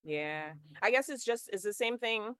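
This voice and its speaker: A woman's voice: fairly high pitch, lively intonation, normal speed, a bit bright, clear, resonant tone, no echo. A woman interviewing a musician, asking long, rambling questions with hesitations. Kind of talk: casual interview.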